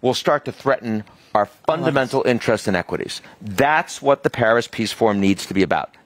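A man speaking on a panel discussion, passionate and emphatic, pushing his pitch up to stress his points. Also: lively intonation, a little fast, dry recording. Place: conference venue.

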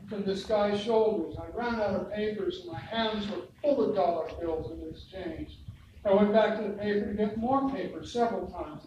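Reading written memories aloud, an older speaker with an American accent, long a resident of Lebanon, Oregon, addresses a local history talk in a medium-pitched, darkish voice. The far-off camera across the hard-walled meeting room yields a very echoey, noisy recording.

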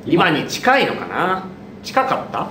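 A young man hosts a quiz with playful, teasing, mock-bossy game-show banter, his pitch swinging hugely and his pace a little slow. He's close to the camera in a small indoor studio, and the echoey room makes for a noisy, low-quality webcast.

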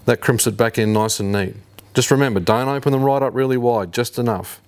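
A man in his fifties with an Australian accent, hosting a fishing tutorial in a garage workshop and explaining each step in a relaxed, slangy way. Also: mid-range voice, brisk, smooth. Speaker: fishing channel host. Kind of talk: hands-on tutorial. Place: indoor garage workshop with shelves.

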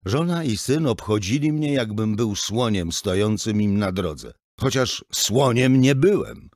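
Low-voiced male audiobook narrator, lively expressive delivery, slow. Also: no room sound, clean studio sound. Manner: expressive, acts out the dialogue. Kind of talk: first-person audiobook narration.

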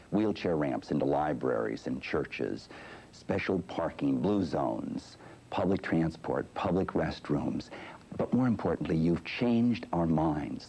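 A man reading a scripted public service message in an earnest, measured way. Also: extremely low pitch, warm tone, slightly rough, rough recording.

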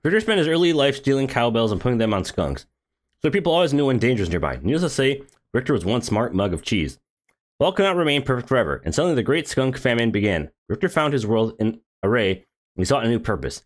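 A man who streams games, reading a game story aloud with sarcastic asides. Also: mid-range voice.

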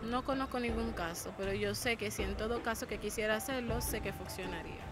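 A woman's voice: a little high, fast talker, loud music behind the voice. Frank Haitian-born woman, short answers. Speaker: interviewee. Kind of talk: candid interview answers.

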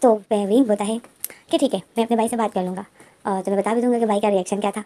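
A woman's voice: medium pitch, fairly even intonation, racing, mellow. A woman casually retelling a fan fiction story in a chatty way, full of fillers and restarts.

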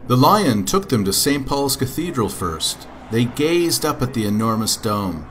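A father reading a children's picture book aloud with expressive, animated storytelling. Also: mid-range voice, unhurried, a little hiss or hum.

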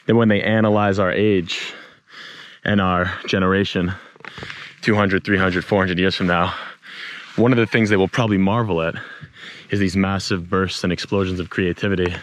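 A man's voice: low voice, a bit bright. A man in his thirties talking casually and enthusiastically to an action camera held at arm's length, outdoors and in a car. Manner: enthusiastic, chatty, jokey. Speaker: travel vlogger. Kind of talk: casual travel vlog.

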